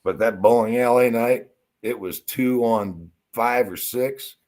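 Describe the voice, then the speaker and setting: A man co-hosting a live stream, telling rowdy stories in a profane, excitable way. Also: mid-range voice, takes it slowly. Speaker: co-host. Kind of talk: casual live-stream chat.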